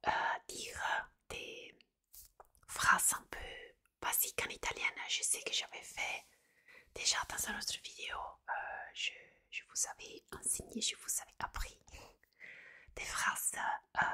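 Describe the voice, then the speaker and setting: A woman giving a whispered ASMR lesson into a close microphone, softly repeating each word twice, with hesitant fillers and small self-corrections. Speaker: ASMR creator teaching words.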